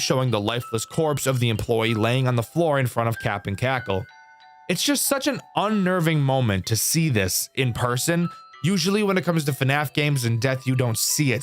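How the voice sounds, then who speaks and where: A young male YouTuber talks through a horror game in a loose, candid review, with swearing dropped in casually. His pitch swings up and down a lot as he goes, over faint music in the background. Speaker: gaming YouTuber.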